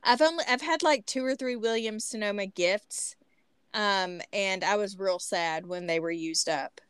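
Clear-voiced woman with a Southern hillbilly accent. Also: mid-range voice, measured pace, no echo. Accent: Southern US hillbilly, Appalachian-like. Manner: chatty, self-deprecating, prone to laughing. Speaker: podcast host. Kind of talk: casual chat.

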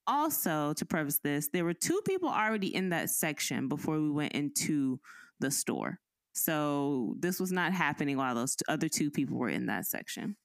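A woman with a low voice tells a story in relaxed podcast chat. Her pitch swings widely as she acts out each person in it. The sound is close and dry, with no room echo. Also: normal speed. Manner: animated, acts out the people in the story. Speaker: podcast cohost.

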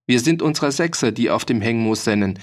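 A man's voice: medium pitch, animated, natural voice. Guy reading a proud old farmer, stubborn, plain rustic talk. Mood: earnest. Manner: measured, earnest, rustic dialect speech. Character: proud sturdy farmer, older man, stubborn.

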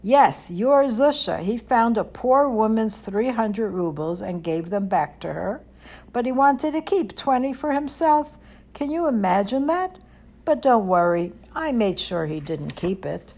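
A woman's voice: fairly high pitch, animated, measured pace, darkish tone. A woman voicing an indignant male town rabbi in a storybook, speaking firmly and later sounding shaken. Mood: gossipy. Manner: stern, then shaken and apologetic.

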